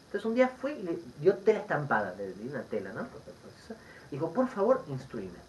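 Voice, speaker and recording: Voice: mid-range voice, a little fast. A Buddhist teacher with a Rioplatense Spanish accent, giving a Dharma teaching full of stories and asides. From Argentina. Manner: lively storytelling with asides and laughter. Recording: distant dull recording with faint background noise.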